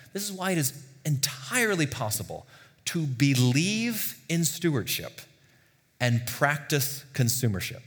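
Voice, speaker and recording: A man's voice: fairly low pitch, slightly rough, big-room sound. A middle-aged man, a pastor, preaching a sermon in earnest tones, asking the congregation rhetorical questions. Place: church sanctuary.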